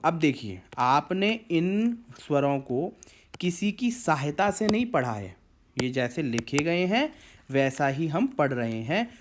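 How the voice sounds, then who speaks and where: Animated man teaching grammar. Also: on the high side. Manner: patient, explains step by step with checking fillers; stretches vowel sounds to demonstrate pronunciation. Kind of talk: Hindi grammar lesson.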